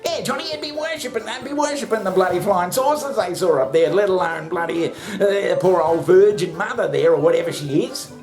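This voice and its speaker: Aussie bloke ranting, swears a lot, laughs, lots of uh, music behind. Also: male voice, high voice, animated, brisk, hardly any pauses. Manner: blunt and sweary, full of fillers and laughter. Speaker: commentator on the show. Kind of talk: casual comic rant.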